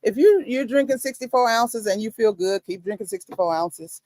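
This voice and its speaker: A woman chatting casually on a video-call livestream, playful and teasing with an animated manner. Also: on the high side, moderate pace.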